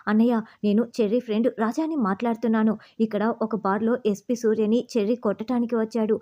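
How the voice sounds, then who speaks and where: A woman's voice: on the high side, steady tone, quick pace, mellow, lightly acted. A woman voicing a worried young male friend making an urgent phone call, in a TV serial recap.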